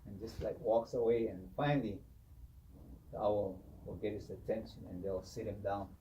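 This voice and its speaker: A man telling a traditional story in an animated way, often saying "you know". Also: on the low side, normal speed, highs cut off, slight background noise. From Hopi. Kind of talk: oral storytelling. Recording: distant mic with faint ambience.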